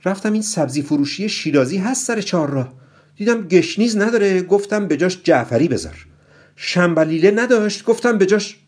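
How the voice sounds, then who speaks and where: A man voicing a fearful, fussy man who speaks in a high, anxious, defensive way. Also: animated, darkish tone, slightly rough. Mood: scared.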